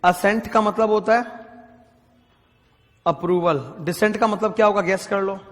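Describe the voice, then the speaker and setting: A man, teaching a class. He dictates definitions slowly and keeps checking that students understand. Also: high-pitched, fairly even intonation, big-room sound. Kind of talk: lecture.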